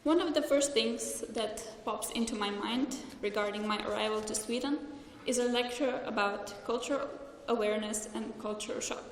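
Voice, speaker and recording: A woman's voice: on the high side, normal speed, few pauses, a little hiss or hum. A young woman from Slovenia giving a formal graduation speech in English at a lectern, speaking earnestly and carefully from notes, with a few small restarts. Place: large hall. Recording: echoey hall with faint ambience.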